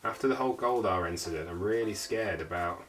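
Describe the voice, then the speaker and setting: A low-pitched man talks briskly against soft background music. He runs a toy collector channel and, stuffy with a cold, rambles in a chatty way with frequent filler sounds while unboxing a collectible.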